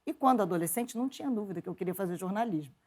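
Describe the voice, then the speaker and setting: A Brazilian woman, a journalist and preacher, telling stories from her upbringing in an interview, lively and quick to laugh. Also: mid-range voice. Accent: Brazilian Portuguese. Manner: lively, laughs often, quotes her mother in animated voices. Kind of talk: conversational interview storytelling.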